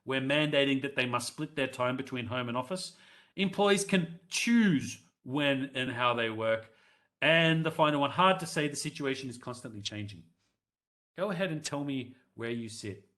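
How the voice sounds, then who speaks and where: A male webinar presenter speaks into a headset mic in a mid-range, slightly bright voice at normal speed. He's animated, chatty, and conversational, addressing his audience directly and running live polls.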